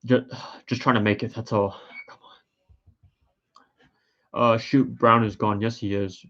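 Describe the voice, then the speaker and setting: A man's voice: lowish voice, steady tone, measured pace, fairly bright tone, highs cut off. Tired man rambling through draft commentary. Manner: rambling, hesitant, many fillers and restarts. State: tired and yawning. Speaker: sports streamer. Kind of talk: casual live-stream commentary.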